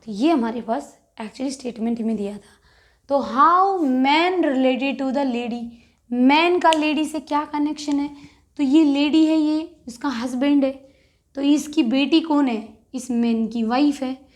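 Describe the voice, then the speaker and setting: A woman's voice: high voice, unhurried, mellow. A woman teacher explaining a lesson, who asks her class questions and answers them herself and repeats the key words.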